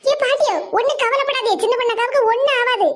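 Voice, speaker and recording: A woman voicing a young village woman in a cartoon, quick and coaxing, with a Kanyakumari Tamil accent. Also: very high voice, very noisy. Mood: concerned. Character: brisk young village woman, caring neighbor. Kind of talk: animated comedy voice acting.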